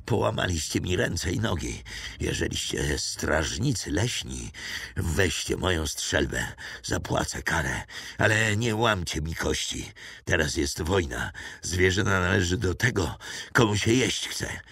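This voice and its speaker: A man's voice: sits low, animated, a little slow, vocal fry, fairly bright tone, slightly rough, no room sound, full character voice. A man reading an audiobook, voicing a rambling old male French poacher with a raised, strained old voice and a grumbling, folksy way of talking. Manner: grumbling, rambling folk philosophy. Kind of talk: audiobook character voice.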